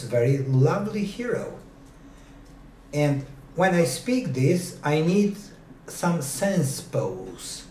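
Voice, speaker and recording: A man lecturing a university class, speaking slowly and deliberately with many pauses and fillers. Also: mid-range voice, dark tone, echoey room, far from the mic, slight background noise.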